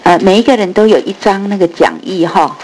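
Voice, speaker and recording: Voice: mid-range voice, fairly even intonation, fairly quick, a little mellow, a little hiss or hum, low-quality recording. A preacher giving an earnest Bible sermon, with slightly lisping, air-leaking speech from missing front dentures. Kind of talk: sermon and Bible teaching, with prayer and read-aloud scripture.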